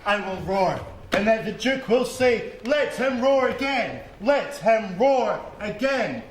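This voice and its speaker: A man's voice: expressive, unhurried. Bottom, a man playing a boastful hammy weaver. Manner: booming, grandiose, overacting. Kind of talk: stage play performance. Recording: echoey hall, faint noise.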